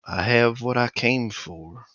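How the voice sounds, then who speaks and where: A man voicing a smug, menacing skeletal undead figure in a cloak, speaking softly and slipping into whispers. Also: medium pitch, slow, no room sound, lo-fi sound, pitched above the performer's own voice.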